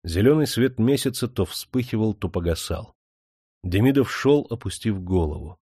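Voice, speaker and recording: A man narrating an audiobook in a steady, measured storytelling manner. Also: fairly low pitch, husky, dry recording, clean studio sound. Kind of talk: scripted narration.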